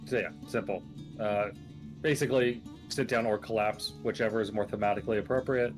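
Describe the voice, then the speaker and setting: A man's voice: fairly low pitch, steady tone, brisk, over music. A man playing a tabletop game who describes his character's actions in a rambling, hesitant way. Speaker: player. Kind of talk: casual tabletop play.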